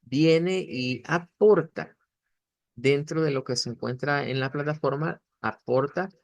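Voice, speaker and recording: A man teaching a beginner language lesson, explaining slowly and patiently, with many fillers and restarts. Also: a little high, no room sound.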